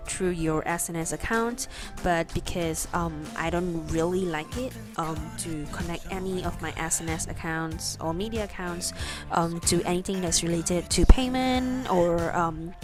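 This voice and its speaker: A woman giving a casual, rambling screen tutorial with hesitant delivery, her pronunciation slightly off from wearing braces. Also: on the low side. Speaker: online shopping tutorial presenter. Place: voice-over for a screen recording. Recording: music behind the voice.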